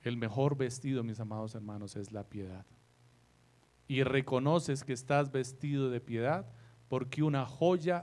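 Speaking at a medium pitch, this preacher throws rhetorical questions at the congregation and alternates gentle asides with forceful, loud declarations. Key lines get slowed down and repeated for emphasis.

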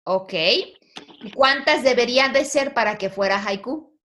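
A woman's voice: fairly high pitch, unhurried, a bit bright. A woman teaching a poetry lesson, asking her students questions and guiding them patiently. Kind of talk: online poetry class.

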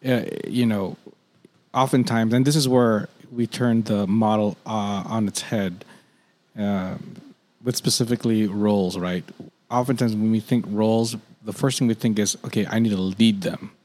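A man's voice: fairly low pitch, steady tone, a little slow, darkish tone. Reflective man in casual faith chat. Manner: reflective, with restarts and repeated words.

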